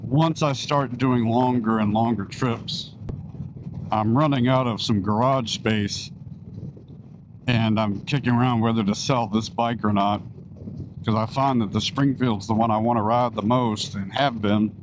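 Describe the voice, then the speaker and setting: This motorcycle vlogger speaks a little slowly, his medium-pitched voice steady as he chats casually on a ride along country back roads. The helmet mic leaves his voice sounding enclosed, with wind and engine noise.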